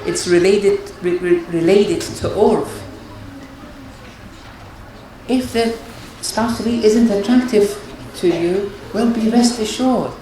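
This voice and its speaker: A woman's voice: medium pitch, slow, dark tone, a little hiss or hum. Earnest woman lecturing in an echoey hall. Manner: earnest, repeats words and restarts phrases. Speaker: marriage counsellor and lecturer. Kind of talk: religious lecture on marriage.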